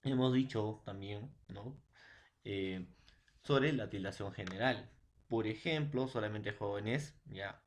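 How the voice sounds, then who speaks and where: A Peruvian man teaching a school lesson online, speaking to his students often and repeating lists in a chanting way. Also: lowish voice. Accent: Peruvian Spanish. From Peru. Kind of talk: classroom lesson. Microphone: online class.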